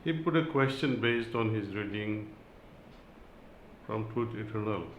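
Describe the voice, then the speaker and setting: A man giving a spiritual talk and reading aloud, in a slow, measured way with long pauses. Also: lowish voice, expressive, reverberant, lo-fi sound, a little hiss or hum. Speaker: spiritual teacher.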